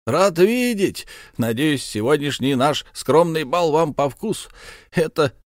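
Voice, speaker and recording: A man voicing a hot-tempered, tipsy, pushy male count who blusters and quickly turns angry, in an audiobook reading. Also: a little high, animated, no room sound, studio quality, pitched above the performer's own voice. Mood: effusive.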